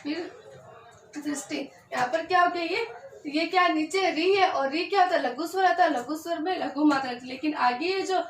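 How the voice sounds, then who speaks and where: A woman's voice: very high voice, normal speed. A woman teacher giving a lesson, patiently counting aloud and asking and answering her own questions. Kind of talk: Hindi poetry meter lesson, counting aloud. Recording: echoey room, far from the mic, faint noise.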